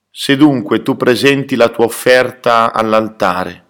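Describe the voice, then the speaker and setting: Man reading liturgical prayer and scripture, unhurried, solemn and measured. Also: medium pitch, fairly bright tone. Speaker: prayer leader and reader.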